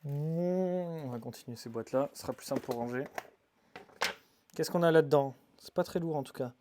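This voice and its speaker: A man live-streaming as he sorts his isopod boxes, muttering asides with quick bursts of excitement. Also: a little high, a little hiss or hum. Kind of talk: casual live-stream chat while handling animals.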